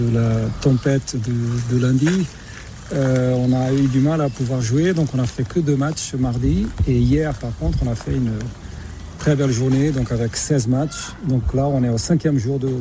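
A Portuguese-born man, a tennis umpire, speaking French in an interview at an outdoor tournament, halting with fillers. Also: mid-range voice. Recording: interview with clear background noise.

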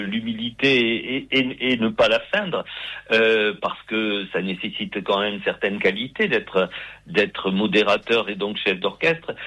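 A man in his sixties talks as a radio guest in a bright, forward voice. He hesitates often and restarts his sentences, but stays good-humored and easygoing throughout. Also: mid-range voice, dull audio. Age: 60s. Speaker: guest, literary event moderator. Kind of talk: radio interview.

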